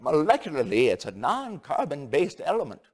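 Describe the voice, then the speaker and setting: An actor playing an eccentric, excitable, pedantic scientist in a game cutscene, with a halting, dramatic delivery. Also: male voice, a little high. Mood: pedantic excitement. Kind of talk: comic game cutscene acting.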